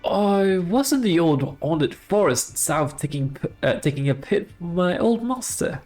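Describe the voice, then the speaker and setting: A cheery headless ghost gardener, as a woman voices him for a game, talking in rustic working-class slang. His voice sits low and swings up and down as he chats. Soft music plays behind him. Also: animated, a little slow.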